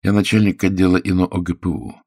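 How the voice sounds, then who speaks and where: Man voicing a quiet, suave secret police officer. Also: low-pitched, level tone, quick pace. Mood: cool. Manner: smooth and quiet.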